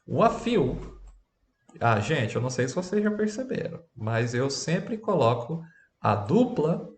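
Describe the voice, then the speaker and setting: A man's voice: on the high side, big pitch swings, measured pace, reverberant. A man teaching an English lesson with a Brazilian Portuguese accent, chatty and often checking in with his students.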